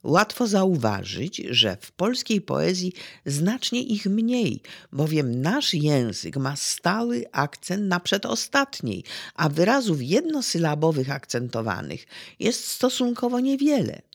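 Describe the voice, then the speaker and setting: In a slow, measured poetry lecture, this teacher fills pauses with hesitations and trails off to a whisper as each phrase ends. The pitch is medium but swings widely, and the fairly bright tone carries some vocal fry.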